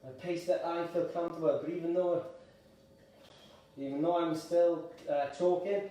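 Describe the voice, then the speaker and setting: Brief: Welsh male fitness instructor, upbeat and chatty, a bit breathless, mellow voice, echoey room from a distance. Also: fairly high pitch, normal speed. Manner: encouraging, chatty, a bit out of breath while exercising. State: slightly out of breath. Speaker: exercise instructor. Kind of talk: live online exercise class.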